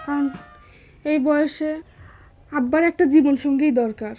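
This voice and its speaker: Woman acting as a younger sis, high voice, dull lo-fi recording. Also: moderate pace, over music, natural voice. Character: younger sister backing the plan. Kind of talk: TV drama acting.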